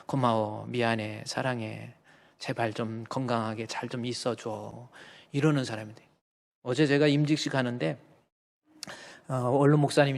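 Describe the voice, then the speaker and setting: Korean pastor preaching in a reverberant church. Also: male voice, medium pitch. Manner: conversational preaching, acts out short quoted lines; shifts between loud jabs and soft intimate lines. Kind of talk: sermon. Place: church sanctuary.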